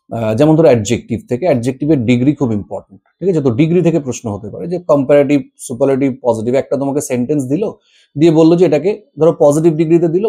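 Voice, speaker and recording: A man gives a recorded online grammar lesson, walking through verb forms and degrees of comparison one example at a time. His voice is mellow and sits in a middle pitch, and he fills pauses with soft hesitation sounds before checking that students follow. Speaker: English grammar teacher.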